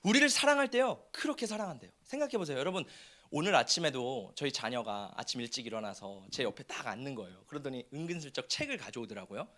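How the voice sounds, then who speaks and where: A man's voice: mid-range voice, lively intonation, fast, bright, forceful tone. A man preaching a sermon as pastor, asking the congregation questions as he goes.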